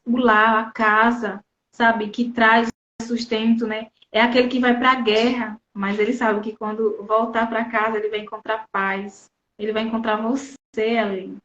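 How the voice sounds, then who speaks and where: A woman with a Brazilian Portuguese accent giving a conversational Bible teaching to women, speaking directly to her listeners. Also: a little high. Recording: dull, roomy recording.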